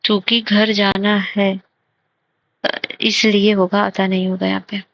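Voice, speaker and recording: A woman with a gravelly, even voice works through test answers in a slow, methodical way, repeating and correcting phrases. The recording sounds dull and lo-fi. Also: mid-range voice. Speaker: exam prep teacher. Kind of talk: explaining grammar test answers.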